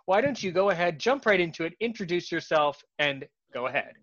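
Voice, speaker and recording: A man's voice: high-pitched, expressive, fairly quick, fairly bright tone, no room sound. A man hosting a podcast, introducing his guest in a chatty, loose way, stumbling over words at times. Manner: chatty, loose, repeats himself while searching for words. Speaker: podcast host. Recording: dull, lo-fi, dry sound.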